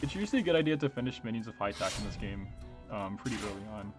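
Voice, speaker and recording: A man's voice: on the low side, animated, rapid-fire. A man giving casual gameplay commentary, thinking aloud and explaining his moves hesitantly. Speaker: gamer, host. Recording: game music behind voice.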